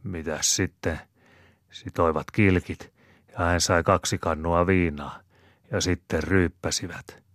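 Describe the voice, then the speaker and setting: A man's voice: deep voice, steady tone, no room sound, clean studio sound, natural voice. A man voicing a bawdy, sly old rustic storyteller who spins his yarn with folksy chuckles. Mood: yarn-spinning.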